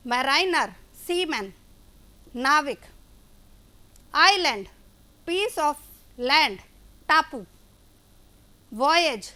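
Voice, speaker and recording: Woman, teacher, children's lesson, explains words step by step, high-pitched, unhurried. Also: sharp tone. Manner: explains English words in Hindi to children, slow and clear.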